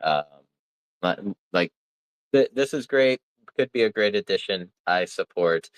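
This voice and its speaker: A man hosts a casual online community call in a relaxed, rambling way, filling gaps with ums and uhs. His voice sits low and comes across smooth and resonant. The sound is dry and close, with no room around it. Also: a little slow, no room sound, rough recording. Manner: relaxed, rambling with many fillers.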